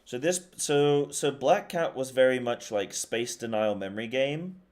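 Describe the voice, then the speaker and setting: A man's voice: mid-range voice, a little slow, darkish tone. Rambling male streamer chatting casually. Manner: rambling, slangy, repeats phrases. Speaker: live streamer and esports caster. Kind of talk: casual livestream chat with viewers.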